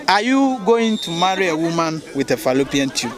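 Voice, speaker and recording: A man's voice: a little high, sing-song, a little fast, a loud crowd. A man with a Ghanaian accent asking passers-by questions in a casual street interview. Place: outdoors on a street. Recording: noisy busy street with loud music.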